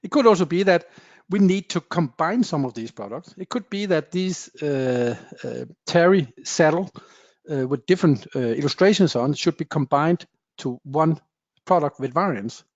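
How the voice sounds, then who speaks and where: A man presents a software demo in plain explanatory speech, with lots of "uh" and non-native phrasing. His voice is on the high side and expressive, his speed normal. The webinar audio sounds dull and dry, with no room sound.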